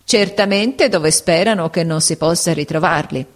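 A woman's voice: on the low side, moderate pace, lightly acted. A woman reading aloud voices an older woman concierge who talks in an ironic, imperious, suspicious way.

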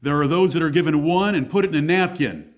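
A man's voice: fairly high pitch, fast talker. A man preaching a sermon as pastor at a pulpit microphone, emphatic and blunt.

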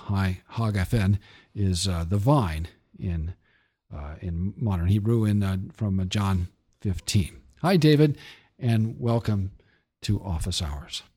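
A man hosting a podcast interview, speaking in a measured way with some hesitations. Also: lowish voice, dark tone, breathy edge. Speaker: podcast host.

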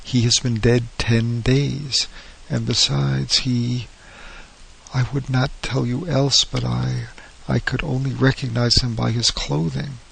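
A man voicing a frightened old father in a horror story, speaking unsteadily and faltering, in a husky, gravelly voice. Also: mid-range voice, little pitch movement, slow pace, fairly bright tone, full character voice, rough recording.

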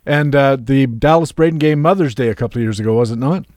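A man hosting a radio talk show, telling an anecdote in a slow, deliberate way. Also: mid-range voice, darkish tone, dry recording. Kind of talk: casual radio chat.

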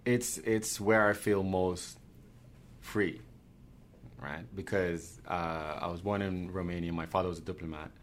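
Male guest from Sudan, very low voice, halting and repetitive, faint background noise. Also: steady tone. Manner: repeats words while thinking, many "you know"s. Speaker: guest cartoonist. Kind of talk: conversational interview answers.

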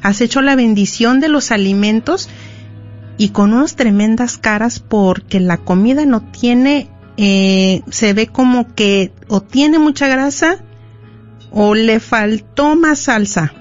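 Lady giving a church marriage talk, acts out scenes, kinda muffled audio w soft music. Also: fairly high pitch, takes it slowly. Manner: conversational, acts out little scenes. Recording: dull lo-fi sound with faint music.

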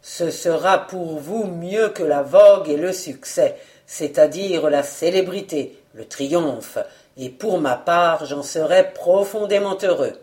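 A reader voicing a shrewd, warm, confident detective in an audiobook, speaking in an assured, fatherly, emphatic way. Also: medium pitch, slow pace, natural voice. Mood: persuasive. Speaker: detective in a novel. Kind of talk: audiobook character reading.

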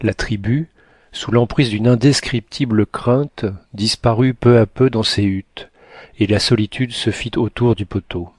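A man narrating an adventure novel as a scripted audiobook, reading in a steady, measured way. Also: fairly low pitch, dry recording.

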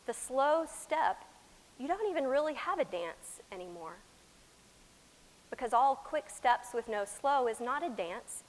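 A woman from Texas with an American accent preaching a sermon, with deliberate, emphatic phrasing, dramatic pauses and swings from loud to soft. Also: fairly high pitch. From Texas, United States. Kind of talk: sermon to a chapel congregation. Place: large chapel, speaking to a congregation. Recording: echoey hall with long reverb.

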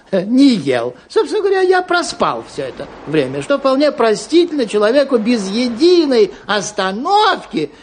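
Absent-minded gentleman traveller, old radio show acting, cheerful, effusive, flustered stammer, very lively melody. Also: sits high, slight background noise, full character voice. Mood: eager, sociable.

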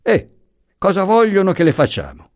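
A man's voice: high-pitched, huge pitch swings, moderate pace, a little mellow, pitched above the performer's own voice. A man voicing a sneering young police official. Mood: curt interrogating. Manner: curt, harsh, barks orders. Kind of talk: audiobook character voice.

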